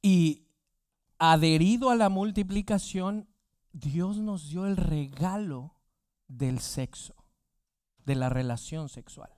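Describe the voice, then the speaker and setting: Smooth-voiced male pastor preaching. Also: on the high side, takes it slowly, pauses often, darkish tone, no echo, studio quality. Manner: rhetorical questions to the congregation. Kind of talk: sermon.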